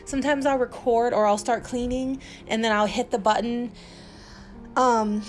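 A woman's voice: a little high, fairly even intonation, normal speed, faint music behind. A young woman doing a chatty, rambling voiceover at home for a cleaning vlog, with lots of fillers and restarts. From San Antonio, Texas. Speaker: cleaning vlogger. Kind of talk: casual voiceover chat.

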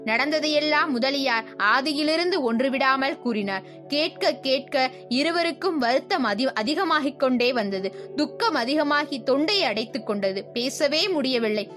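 Young woman narrator, high voice, steady storybook delivery over soft music. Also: normal speed. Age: young adult. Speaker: audiobook narrator.

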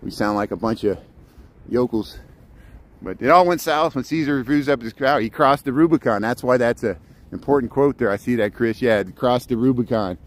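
On a walk-along livestream, a middle-aged Midwesterner from Indiana talks in a mid-range voice, pausing often and skipping from topic to topic. The city park setting comes through as noisy outdoor ambience, with traffic audible throughout.

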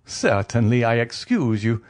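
A man's voice: mid-range voice, sing-song, normal speed, a little mellow, voice pushed up. A man voicing an urbane, wealthy count in an audiobook, politely ironic and entirely self-assured. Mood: gracious, teasing. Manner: polite, teasing, unruffled. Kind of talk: audiobook character voice.

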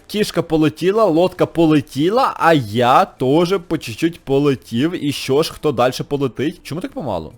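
Excitable and full of laughter, a man running a gaming channel chats his way through a let's-play, now and then yelping in high squeals.

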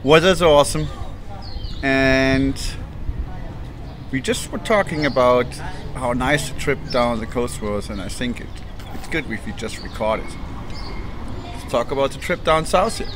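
A man's voice: medium pitch, unhurried, pauses often. Enthusiastic man chatting outdoors. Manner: enthusiastic, talks about sailing with the wind. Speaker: sailing vlog host. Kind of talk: casual chat. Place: outdoors in a sunny town plaza. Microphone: camera held at arm's length. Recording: music playing underneath.

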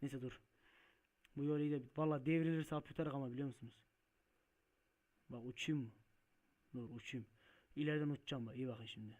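Excitable man playing a truck game. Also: mid-range voice, a little fast, pauses often. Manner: excitable, swears and shouts at mishaps; muttering to himself while driving. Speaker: gaming video host. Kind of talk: Let's Play commentary.

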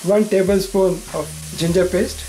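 An older man, host of a home cooking show, giving calm, plain step-by-step cooking instructions. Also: high-pitched, measured pace, background noise.

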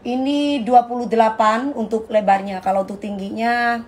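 A woman's voice: fairly high pitch, steady tone, moderate pace, slight background noise. A middle-aged woman hosting a casual live stream, brash and trash-talking, calling her viewers darling. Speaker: live-stream host selling bags.

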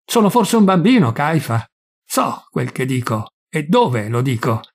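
A weary, menacing Roman governor, put on by a man reading the story aloud. The husky voice drags out its warnings slowly, then flares into scornful threats. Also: mid-range voice, lively intonation, exaggerated voice. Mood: mocking menace.

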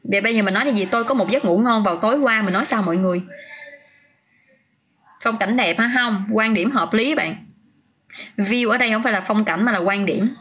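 A woman's voice: medium pitch, a little fast, long pauses, fairly bright tone, slight background noise. A woman teaching English vocabulary on a casual livestream, chatting, answering viewers' comments by name and often restarting her sentences.

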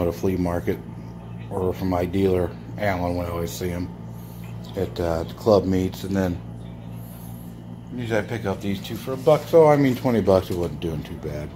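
Holding a phone camera indoors, a toy car collector shows off his finds arranged on a bedsheet in a loose, rambling vlog. He has a deep voice, chuckles often, and uses many fillers, with background noise present.

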